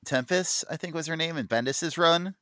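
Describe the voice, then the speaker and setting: A man with a fairly high, bright voice co-hosts a podcast, discussing comics casually and with enthusiasm while stumbling through fillers and restarts. He speaks at a moderate pace, and the studio-quality audio has no room sound.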